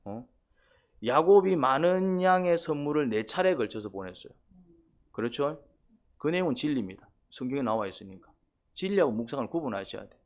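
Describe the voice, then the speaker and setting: A man's voice: mid-range voice, animated, fairly quick. A male pastor preaching a sermon in a conversational way, asking questions and answering them himself, and sometimes acting out quoted voices.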